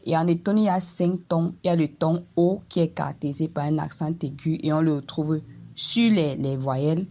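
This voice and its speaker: A woman teaching a language lesson, explaining slowly and carefully and voicing vowel examples for each tone. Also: deep voice, warm tone. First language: Eton.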